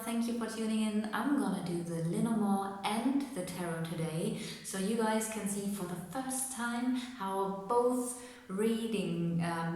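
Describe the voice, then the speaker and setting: A woman hosting a tarot reading, talking informally and directly to her viewers in a casual, chatty way. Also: medium pitch. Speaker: tarot reader and channel host. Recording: very echoey, reverberant room.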